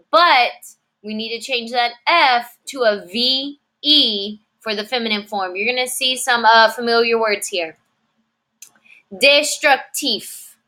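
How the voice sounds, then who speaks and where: A woman teaches French, her voice pitched a little high and bright. She says each word slowly and repeats it for pronunciation, then explains in English at an unhurried, measured pace. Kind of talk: slow, clearly enunciated language lesson.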